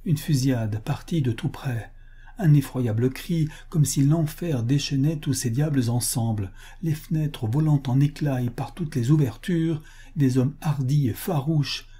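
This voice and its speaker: A man's voice: mid-range voice, a little slow, dark tone, breathy edge. A man voicing a grief-stricken young woman in an audiobook, speaking in a trembling, pleading way. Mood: distraught. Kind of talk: audiobook character reading.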